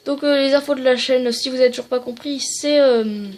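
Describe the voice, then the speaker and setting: A woman's voice: sits high, fairly even intonation, fairly quick, darkish tone. A woman hosting a video game channel, giving a casual, rambling game tutorial full of fillers and apologies. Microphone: tablet.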